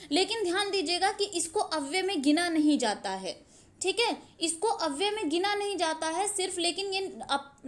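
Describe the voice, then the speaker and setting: A woman with a very high voice teaches a grammar lesson for exam preparation. She explains patiently, repeating each example and asking rhetorical questions to check that the viewer follows.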